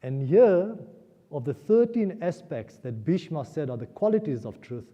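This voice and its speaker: A man's voice: on the high side, sing-song, normal speed, warm tone. A man giving an earnest spiritual discourse at a temple, telling a story and having listeners repeat key words aloud. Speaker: guest speaker at a temple. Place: temple hall. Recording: dull lo-fi audio in a reverberant hall.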